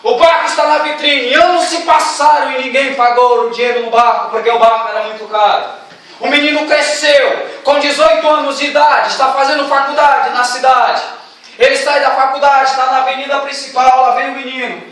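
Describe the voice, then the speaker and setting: Brief: Brazilian preacher, high voice, dramatic storytelling, heard from far off in a big church. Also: male voice, steady tone, brisk. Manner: dramatic, rising to shouts. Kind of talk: storytelling sermon. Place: large church hall. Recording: echoey church hall, distant mic.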